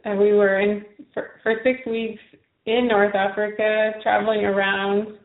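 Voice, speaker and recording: A woman's voice: mid-range voice, flat delivery, a little slow. A woman guest on a radio interview, casually telling her personal story. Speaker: guest author. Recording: roomy, tinny phone-like call.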